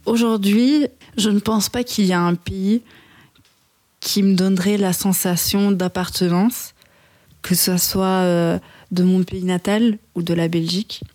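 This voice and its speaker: Jeune femme hésitante, italien, posée. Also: female voice, medium pitch, steady tone, unhurried, a little mellow. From Italy. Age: 20s. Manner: hesitant, many fillers. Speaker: interviewee. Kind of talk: documentary interview.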